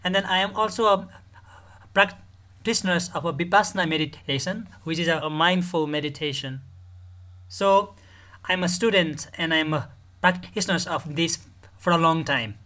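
A man from Nepal, a guest in a podcast interview who explains his work in an earnest, measured way. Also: high-pitched, pushed and bright. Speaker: guest, mental health director.

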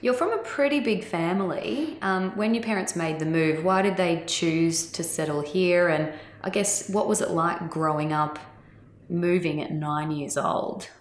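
A woman's voice: fairly low pitch, a little slow, roomy sound. A woman hosting an interview show, friendly and teasing in a casual way. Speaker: podcast host.

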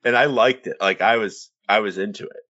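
Low-pitched man chatting casually, slightly dull sound. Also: fairly quick, bright, forceful tone. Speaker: podcast co-host. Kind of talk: casual chat about films.

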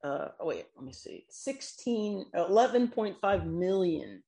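Woman host, husky, low-ish, lively, playful questioner. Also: measured pace. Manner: loose and playful, jokes about being old. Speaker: interview host. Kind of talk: casual interview chat.

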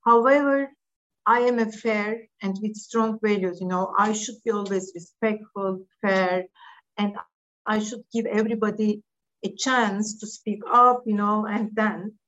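A middle-aged Turkish woman, a business leader appearing as an interview guest, answers podcast questions in English, her second language. She is earnest and direct, with non-native phrasing and some restarts. Her voice is medium-pitched, steady, unhurried and slightly bright, with the highs cut off.

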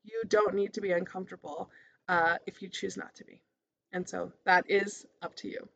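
A woman talking in a calm, therapist-like way, giving an informal, encouraging motivational monologue as a podcast host. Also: mid-range voice, moderate pace, vocal fry, no room sound. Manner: casual, conversational, encouraging.

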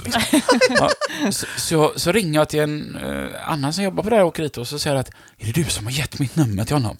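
A man's voice: mid-range voice, vocal fry, dry recording. A man from Sweden hosting a casual radio chat, telling jokes and stories and laughing at his own punchlines. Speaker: radio host.

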